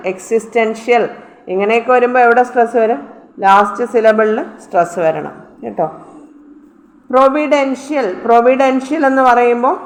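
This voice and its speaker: A woman's voice: on the high side, poor audio. A woman teacher explaining word stress to students, repeating words and spelling them out letter by letter. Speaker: English teacher.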